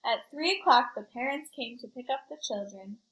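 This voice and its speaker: A woman reading a storybook aloud in an expressive, child-directed way, with chatty asides to her young listeners. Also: on the high side, moderate pace, roomy sound, low-quality recording. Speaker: school librarian reading aloud.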